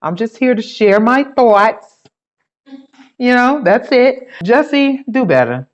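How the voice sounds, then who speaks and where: A woman host with a New York accent talks in casual, profane, gossipy bursts. Her pitch jumps around a lot as she riffs. The sound is dull and lo-fi. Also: animated, takes it slowly. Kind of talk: casual opinion chat.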